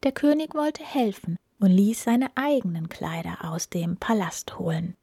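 A woman in whispered storytelling, reading a fairy tale aloud in a soft, airless whisper. She reads slowly and calmly. The sound is close and dry, with no room around it. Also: medium pitch, slightly rough, no echo.

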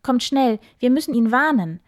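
A woman's voice: a little high, animated, moderate pace, no echo, clean studio sound, voice pushed up, lightly acted. Woman doing a stammering frightened countess. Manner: stammering, urgent. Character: frightened noble wife, middle-aged woman.

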